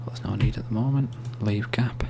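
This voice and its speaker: A soft-spoken man giving an ASMR-style screen tutorial, explaining steps in a hushed, unhurried, informal way. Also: on the low side, steady tone, vocal fry. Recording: faint hum and background noise.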